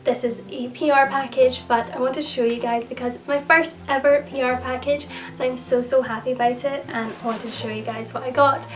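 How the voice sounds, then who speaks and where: Gushing young woman vlogger, slightly croaky. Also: high-pitched, steady tone, fairly quick, recorded from a distance. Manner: gushing, effusive, repeats "so, so". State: croaky voice from a cold. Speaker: beauty and lifestyle vlogger. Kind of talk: casual haul vlog. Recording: music bed, voice a little off-mic.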